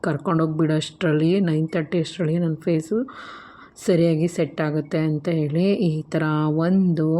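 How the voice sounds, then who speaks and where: A young woman with a Kannada accent talks casually to her viewers at home, her voice sitting a little low for a woman. She chats in a loose, self-mocking way, calling the audience friends. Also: level tone, normal speed, dark tone. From India. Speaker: vlogger. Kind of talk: casual vlog talk to viewers.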